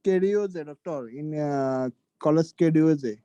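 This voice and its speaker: A man's voice: fairly high pitch, brisk, warm tone, smooth. A man from Bangladesh, a student politely giving short answers in an online class. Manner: polite, short replies, calls the teacher doctor.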